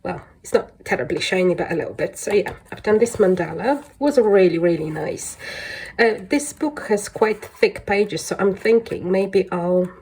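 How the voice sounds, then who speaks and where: A colouring hobby vlogger, a woman congested from the flu, chats casually through a show-and-tell video, rambling and a little hesitant. Her voice is medium-pitched, darkish and husky at a moderate pace. The recording quality is low.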